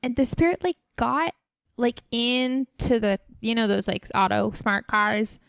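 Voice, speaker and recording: A woman's voice: a little high, steady tone, unhurried, gravelly, fairly bright tone, dry recording, studio quality, voice pushed down. A woman voicing a scattered young valley-girl character in a tabletop role-play, packing every phrase with filler words. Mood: rambling.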